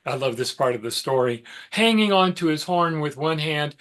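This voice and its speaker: A man's voice: on the high side, expressive, normal speed, fairly bright tone. Chatty man telling myths in a lecture. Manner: conversational, with fillers and asides. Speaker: mythology teacher. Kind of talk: informal lecture storytelling.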